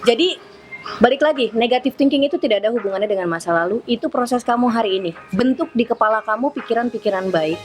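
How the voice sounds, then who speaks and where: Woman with a higher voice giving firm advice. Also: expressive, fast, soft background music. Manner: reads questions aloud, then gives firm parental advice. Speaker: vlogger answering followers' questions. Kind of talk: casual advice Q&A.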